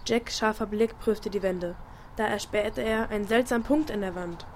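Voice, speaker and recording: A woman's voice: mid-range voice, moderate pace, slight background noise, natural voice. A woman playing a young girl in a radio play who reads a detective comic aloud dramatically and snaps at interruptions. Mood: reading. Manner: dramatic read-aloud, snappish asides.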